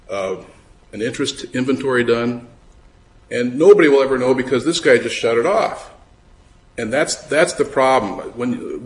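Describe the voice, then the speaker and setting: A man's voice: medium pitch, poor audio. A man, an attorney, making an oral argument before judges, conversational and full of restarts. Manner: conversational, restarts often, acts out quoted speech. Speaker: attorney arguing before appeals court. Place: courtroom.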